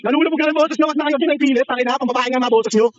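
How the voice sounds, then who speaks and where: A man's voice: very high voice, racing, dull audio. A man trash-talking other players over game voice chat, mocking and taunting them, laughing often and swearing freely. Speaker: online gamer.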